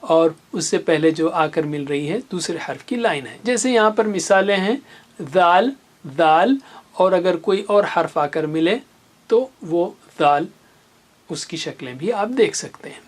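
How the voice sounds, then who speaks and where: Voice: medium pitch, expressive. Patient teacher modeling letter sounds. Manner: slow and patient, repeats sounds for the learner. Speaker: Quran reading teacher. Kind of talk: recorded lesson with memory stories.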